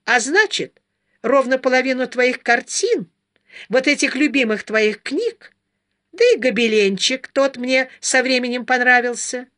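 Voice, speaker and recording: A woman's voice: high-pitched, very animated, takes it slowly, long pauses, pushed and bright, pitched above the performer's own voice, full character voice. A woman reading the part of a scheming wife who taunts her husband with cold mockery. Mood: gloating, mocking. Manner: taunting, gloating.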